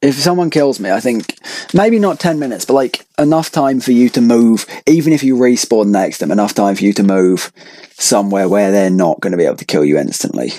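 A man's voice: fairly low pitch, expressive, a little fast, warm tone, no room sound. A young man hosting a casual podcast, rambling with lots of filler words. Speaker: podcast host. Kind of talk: casual chat.

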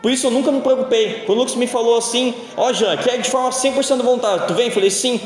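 A man's voice: very high voice, fast. A young man preaching a sermon in a church, telling stories in a casual, joking way. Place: church hall. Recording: echoey church hall with long reverb.

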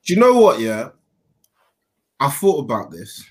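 A man's voice: medium pitch, wildly swooping pitch, unhurried, breathy edge. A man, a podcast panellist in casual chat.

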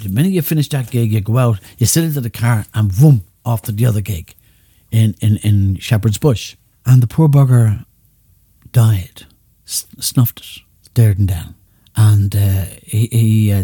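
A man's voice: on the low side, moderate pace, dark tone, breathy edge, no echo, clean studio sound. An older Irish man, a former entertainer, reminiscing in a rambling way full of "you know what I mean" asides. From Ireland. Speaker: retired entertainer and chauffeur, interviewee. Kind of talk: reminiscing anecdotes and jokes.

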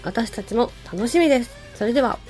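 A woman's voice: fairly high pitch, animated, fairly quick, over music. A woman co-hosting a podcast, giving show announcements in polite phrasing. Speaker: podcast co-host.

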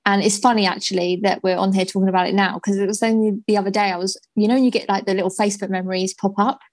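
A woman in her twenties telling her own story as a podcast guest, slow and hesitant with many ums. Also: mid-range voice, steady tone, no echo. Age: 20s. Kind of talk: candid personal story in a podcast interview.

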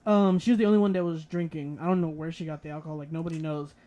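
A man's voice: fairly high pitch, fairly even intonation, rapid-fire, warm tone, dull audio. Laid-back young man chatting. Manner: laid-back, chuckles often. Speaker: podcast co-host. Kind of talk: casual chat.

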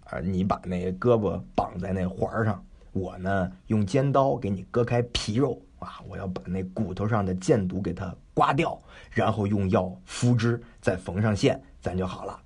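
A man voicing a calm, learned physician in a spoken storybook tale, explaining in a measured, sometimes hushed way. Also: low voice, husky. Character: calm, learned male physician, patient and careful.

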